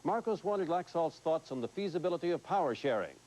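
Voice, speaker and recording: A man anchoring a TV news broadcast in a measured, clear delivery. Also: fairly high pitch, lively intonation, a little mellow, low-quality recording.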